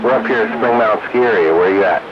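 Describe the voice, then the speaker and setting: Over a CB radio link crackling with clear static, a man hosts a jokey, casual round-table chat. His voice is lowish and fast, and the transmission makes the audio sound dull.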